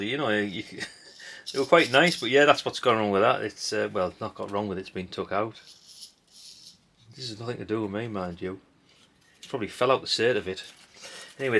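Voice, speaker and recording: A little hiss or hum sits under this low-ish, sharp-toned male voice. The speaker, a middle-aged hobbyist video host, rambles chattily and bluntly through unscripted commentary while sorting old parts, with some mild swearing and tag questions.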